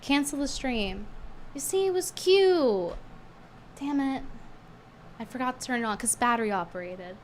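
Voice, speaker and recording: With lively intonation and a high-sitting voice, a woman streamer talks at normal speed but leaves long pauses. A cold makes her voice strained and hard to get out as she bluntly, scornfully chats with viewers and reads tips aloud. The casual livestream has slight background noise.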